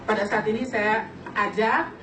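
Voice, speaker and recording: A woman in her late forties giving an animated personal testimony to an audience, laughing often and turning to address the listeners directly. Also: mid-range voice, unhurried, noisy background. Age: late 40s. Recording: echoey hall, distant mic, audience around.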